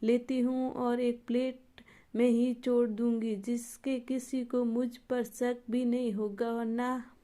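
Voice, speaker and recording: A woman's voice: a little high, little pitch movement, takes it slowly, mellow. Woman voicing a sly scheming daughter-in-law. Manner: sly, wheedling.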